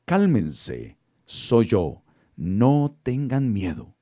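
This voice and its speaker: Man reading as a calm, gentle Jesus. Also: fairly low pitch, extremely slow, full character voice. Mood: reassuring.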